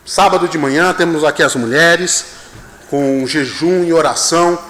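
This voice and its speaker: A man's voice: on the high side, normal speed. A man preaching a sermon as pastor, often checking in with the congregation. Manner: animated preaching with frequent "amém?" and "tá?". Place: church hall. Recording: echoey church hall, long reverb.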